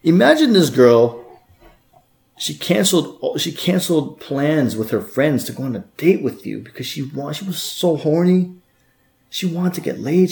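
A man's voice: on the high side, creaky, dark tone. A man hosting a dating podcast, giving blunt, harsh advice in a scolding monologue full of stammered repeats. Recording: echoey room.

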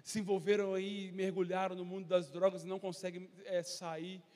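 Impassioned high-voiced man preaching. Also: flat delivery, normal speed, a little mellow. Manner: impassioned, rhetorical questions, acts out crowd voices. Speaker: pastor. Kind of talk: sermon. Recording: long hall reverb.

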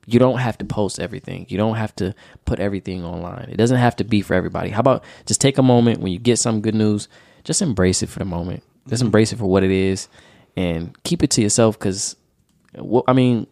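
A man's voice: lowish voice, fast, vocal fry, few pauses, darkish tone, dry recording, clean studio sound. A young man co-hosting a casual podcast chat, upbeat and encouraging. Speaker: podcast co-host.

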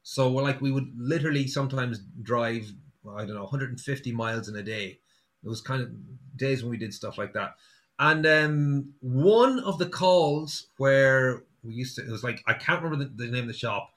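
A man with a west of Ireland accent talks in a bright, forward voice at a middling pitch. He is a musician in a casual interview, telling anecdotes in an unpolished, conversational way. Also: normal speed. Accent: west of Ireland, Sligo. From Sligo, west of Ireland.

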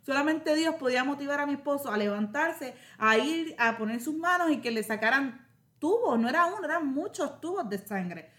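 A woman telling a heartfelt, devout story as a podcast guest, lively and emotional. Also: high voice, moderate pace. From Puerto Rico. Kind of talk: casual heartfelt testimony.

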